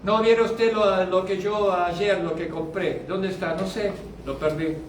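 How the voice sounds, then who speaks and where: A male pastor giving an emphatic sermon. He swings from loud, drawn-out declarations down to low, quiet asides. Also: steady tone, a little hiss or hum. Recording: echoey hall, mic at a distance.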